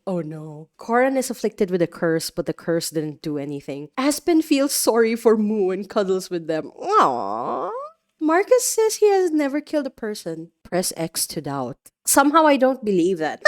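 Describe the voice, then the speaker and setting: Playful woman hosting with lively pitch. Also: moderate pace. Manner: playful, jokey asides. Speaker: host. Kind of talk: livestream reading of game events with commentary.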